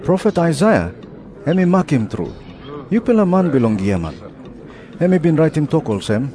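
A man with a Papua New Guinean accent playing a calm, authoritative religious teacher in a dramatised scripture reading. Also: fairly high pitch, normal speed. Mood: reproving.

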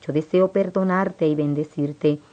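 A woman voicing a gentle, solemn male divine speaker, read in an even, earnest tone with little change from her own voice. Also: sits low, a little slow. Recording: dull lo-fi recording.

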